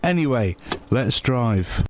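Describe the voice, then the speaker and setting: A man's voice: mid-range voice, expressive, slow pace, background noise. A man acting a brash, mocking, easily alarmed character in a comedy sketch, exclaiming, teasing and swearing. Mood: excitable, chatty. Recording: music behind the voice.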